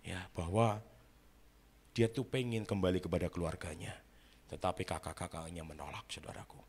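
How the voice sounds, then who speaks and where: Low-voiced man preaching dramatically. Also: fairly even intonation, moderate pace, a little mellow, breathy edge. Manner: dramatic, often addresses listeners as brothers and sisters. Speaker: pastor. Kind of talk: storytelling sermon.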